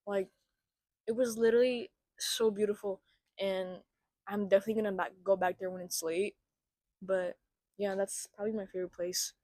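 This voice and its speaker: A woman's voice: medium pitch, steady tone, moderate pace, pauses often, mellow, no echo, rough recording. A young woman, a podcast guest, chatting casually and filling her talk with "like". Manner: chatty, full of fillers.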